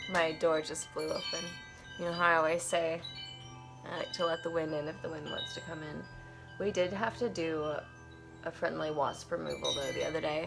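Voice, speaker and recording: With a low-pitched voice and vocal fry, this tarot and oracle deck reviewer in her twenties chats casually while unboxing an oracle deck indoors in her cluttered bedroom. Allergies leave her congested, and she thinks aloud with wandering asides and reads passages aloud.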